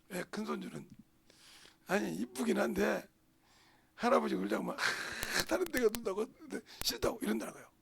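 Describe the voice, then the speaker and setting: An older man preaching a sermon as pastor, forceful and blunt, jumping between loud outbursts and low murmurs. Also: very animated, moderate pace, gravelly, long pauses. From South Korea. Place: church sanctuary.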